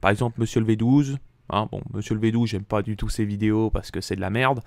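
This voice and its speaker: A man's voice: steady tone, fast talker, gravelly, dry recording. Angry gamer man ranting. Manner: furious, swearing, pitch jumping up when shouting. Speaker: gaming YouTuber. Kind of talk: angry rant over gameplay. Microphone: desk mic.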